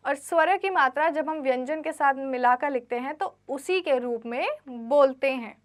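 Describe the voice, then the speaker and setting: A woman teacher giving a grammar lesson to children, reading textbook lines and then re-explaining them simply, asking quiz questions and answering them herself. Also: high voice. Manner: drawn-out letter recitation.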